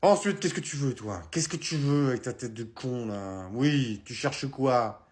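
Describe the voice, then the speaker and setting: A man's voice: mid-range voice, animated, measured pace, a little mellow, voice pushed down, lightly acted. A man playing a rude, impatient librarian in a comic sketch, snapping curt orders. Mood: irritated.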